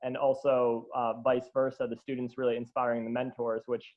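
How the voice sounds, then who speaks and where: A man giving reflective remarks at a community meeting, speaking in an even, measured way. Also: medium pitch. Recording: tinny phone-like sound.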